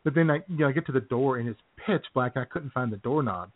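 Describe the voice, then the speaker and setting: A man with a medium-pitched voice co-hosts a radio show, talking quickly in casual, comedic chat. He tells stories in a jokey, self-deprecating way, and the audio sounds tinny, like a phone line.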